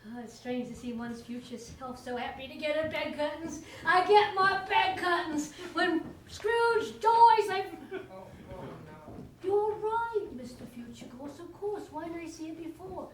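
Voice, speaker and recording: A woman's voice: very high-pitched, measured pace. An actress playing a chatty, irreverent charwoman on stage, laughing often as she talks to a silent listener. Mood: gleeful. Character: chatty middle-aged charwoman, cheeky and irreverent. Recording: echoey stage sound from far off, faint hiss.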